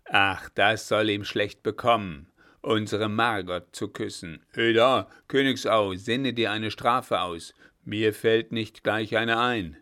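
A man reading an audiobook, voicing a gruff, hot-tempered old field marshal who speaks loudly and bluntly. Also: takes it slowly. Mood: blustering. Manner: loud, booming, scolding.

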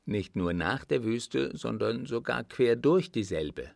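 A man's voice: medium pitch, animated, slow, creaky, no echo, studio quality. A man voicing a young officer with teasing, ironic humour in an audiobook. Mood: calm teasing. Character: young male officer, dryly joking adventurer. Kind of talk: audiobook dialogue reading.

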